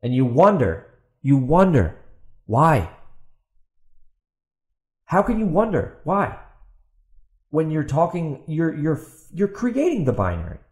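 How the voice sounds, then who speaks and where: This man's fairly high voice swoops wildly in pitch as he talks slowly, pausing often. A podcast host and author, he delivers an improvised, exasperated, sarcastic rant, repeating points for emphasis and posing rhetorical questions to an absent opponent.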